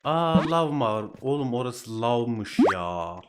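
A man's voice: mid-range voice, lively intonation, slow pace. A young man with a Turkish accent doing casual let's-play commentary, reacting with frustrated outbursts and exclamations. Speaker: gaming channel host. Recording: loud game music behind.

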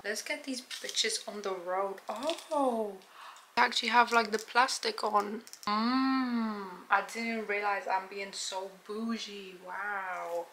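A woman's voice: medium pitch, bright, forceful tone, a little hiss or hum, poor audio. A woman chatting casually in her bedroom as she films a vlog, swearing freely and mocking herself. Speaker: vlogger.

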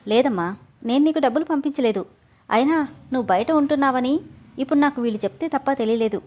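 A woman voicing a gentle, bewildered elderly uncle in a read-aloud story. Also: high voice, fast, muffled recording. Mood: puzzled.

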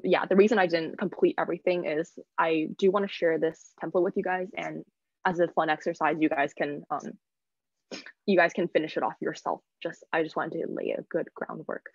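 A woman's voice: on the low side, gravelly, darkish tone, husky, no room sound. A woman in her twenties presenting a workshop casually and chattily over a video call, with muffled audio. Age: 20s. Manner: informal, chatty.

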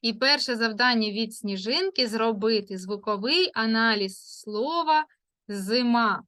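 A woman teaching young children, taking her time and drawing out each sound. Her voice is bright and a little high. She slips into a sing-song lilt for short rhymes. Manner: sing-song rhyming greetings, drawn-out sounds and syllables. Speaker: primary school teacher. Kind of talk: slow, careful literacy lesson for young children.

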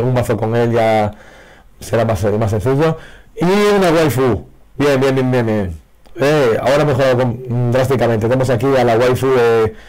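Man, hoarse, losing his voice, excitable card game commentary. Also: mid-range voice. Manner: excitable, reacts loudly to pulls. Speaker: card game video creator. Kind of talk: casual pack-opening commentary. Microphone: faulty broken microphone.

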